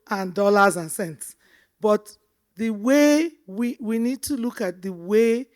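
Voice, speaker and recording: A woman's voice: medium pitch, darkish tone. A woman speaking emphatically in a panel discussion, repeating phrases for stress.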